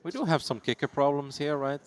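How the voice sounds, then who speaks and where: A man's voice: a little high, fairly even intonation, fairly quick. A man commentating on live poker in a casual, chatty, jokey and teasing way.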